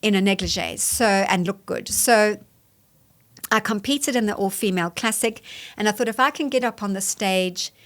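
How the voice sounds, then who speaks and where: A woman from Zimbabwe speaks as a guest on a podcast, telling her story about fitness and coaching. Her voice sits in a middle range. She talks in an animated way and lines up short, repeated phrases when she builds a point. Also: medium pitch, normal speed. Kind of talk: conversational interview.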